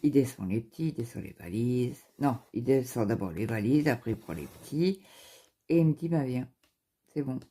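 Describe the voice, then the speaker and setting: A woman's voice: rumbling low, lively intonation, normal speed, warm tone, breathy edge. A young woman, a craft vlogger, casually telling a personal story and acting out the dialogue with lots of fillers and restarts. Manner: retells events through quoted dialogue, with frequent fillers and restarts.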